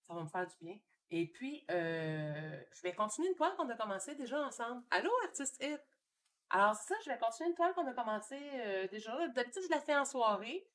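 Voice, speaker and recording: Relaxed Québécois woman chatting while painting. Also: on the high side, fairly quick, a little hiss or hum. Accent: Québécois French. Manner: chatty and relaxed, thinking aloud with many fillers. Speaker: painter hosting a live stream. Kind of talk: casual live-stream chat while painting. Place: home studio.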